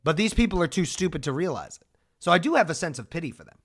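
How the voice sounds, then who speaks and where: A man's voice: a little high, sing-song, fast talker, a bit bright. Swearing, jumpy young man streaming. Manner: restless, swears when frustrated, jokey asides. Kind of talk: casual livestream chat.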